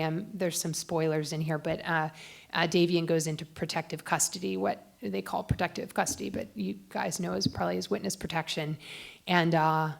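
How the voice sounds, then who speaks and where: A woman's voice: on the low side, creaky. A woman reporter speaking on a panel, telling a story in a chatty way with many fillers. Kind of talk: anecdotal panel talk.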